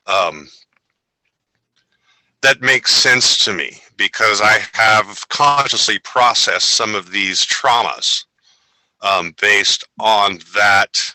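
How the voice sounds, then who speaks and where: A man in a casual roundtable chat on a video call, telling family stories in an animated way and slipping into playful voices. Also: fairly low pitch, no echo, rough recording. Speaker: network member, roundtable guest. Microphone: video call microphone.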